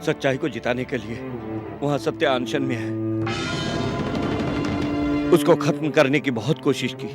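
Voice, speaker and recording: A man's voice: medium pitch, a little slow, long pauses, loud music behind the voice, close to an everyday voice. A man dubbing a remorseful, confessing politician. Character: repentant corrupt politician confessing his crimes. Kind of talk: dubbed film dialogue.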